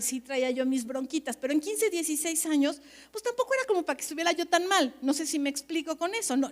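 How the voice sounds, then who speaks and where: Pitched high, the woman delivering this sermon is a pastor speaking to a conference of leaders. She keeps things animated and talkative, regularly seeking the audience's agreement.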